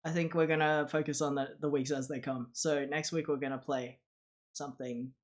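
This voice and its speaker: A young Australian streamer hosts a casual live stream chat in an Australian accent, with a middling pitch, a level tone and a brisk pace. They ramble, restart sentences and laugh often.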